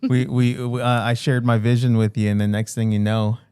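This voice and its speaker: A man's voice: medium pitch, flat delivery, brisk, warm tone, smooth, no room sound. A man hosting a casual podcast, upbeat and friendly as he welcomes guests. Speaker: podcast host.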